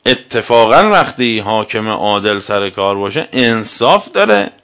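A man's voice: on the low side, very animated, smooth. Argumentative man giving a religious lecture. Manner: argumentative, asks rhetorical questions; swings between loud emphasis and quiet asides. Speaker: cleric.

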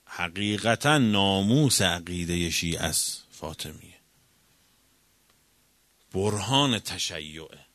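A man lecturing on religion with a bright, forceful tone and a combative, questioning delivery. He swings from loud emphasis to hushed asides. The recording is dry and close. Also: deep voice, expressive, long pauses, no echo. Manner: argumentative, rhetorical questions, swings between loud and quiet. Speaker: cleric lecturer.

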